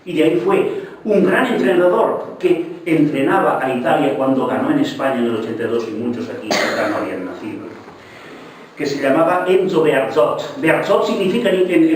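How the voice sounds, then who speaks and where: An older man giving a lively, digressive professorial talk to a local audience. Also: fairly high pitch, normal speed, a little hiss or hum. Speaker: lecturer. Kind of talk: public talk. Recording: echoey hall, mic from far off.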